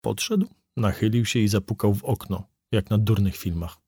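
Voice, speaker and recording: A man's voice: lowish voice, normal speed, dark tone, slightly rough, dry recording, studio quality. A man reading a first-person story aloud as an audiobook narrator, with vivid storytelling delivery.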